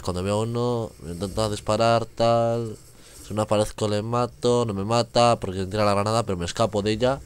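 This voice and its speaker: A man's voice: fairly low pitch, clear, resonant tone. Chatty young man narrating gameplay. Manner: chatty, rambling, laughs often. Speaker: gaming youtuber. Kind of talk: casual gameplay commentary.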